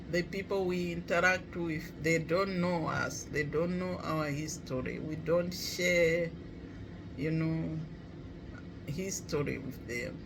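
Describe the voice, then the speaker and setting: A man from Malawi, talking slowly and reflectively in a casual vlog, with many pauses and fillers. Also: on the high side, background noise. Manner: halting, many pauses and "you know" fillers, clears throat often. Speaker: vlogger.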